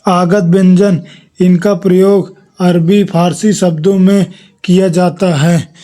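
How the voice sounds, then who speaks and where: A man's voice: high-pitched, steady tone, takes it slowly, dark tone. A man giving an exam revision lesson, reading his notes aloud and listing letters one by one. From India. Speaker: teacher.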